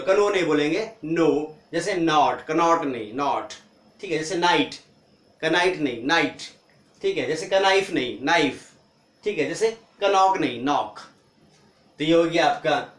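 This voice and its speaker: A man teaching English pronunciation, asking questions and answering them himself, repeating each word slowly. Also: high voice. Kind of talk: classroom lesson. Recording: echoey room.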